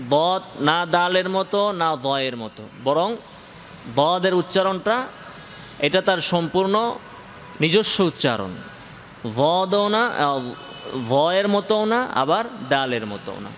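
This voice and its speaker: A man's voice: high-pitched, sing-song, takes it slowly, long pauses, fairly bright tone, a little hiss or hum. A man teaching a tajweed pronunciation lesson in Bengali, repeating points and stressing key words. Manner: explains with repetition and rising emphasis. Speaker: Quran recitation teacher.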